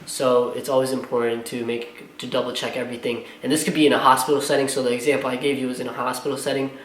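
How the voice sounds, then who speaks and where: A man's voice: mid-range voice, level tone, fast talker, echoey room, slight background noise, low-quality recording. A young man, a pharmacy student, talking casually and earnestly to camera, rambling with many fillers and a little out of breath. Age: young adult. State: slightly out of breath. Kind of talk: casual vlog talk to camera.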